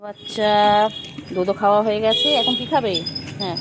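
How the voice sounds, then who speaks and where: A woman's voice: mid-range voice, moderate pace, noisy background. A woman filming cats on an empty street at night, chatting casually and coaxing them with affectionate, repetitive baby talk.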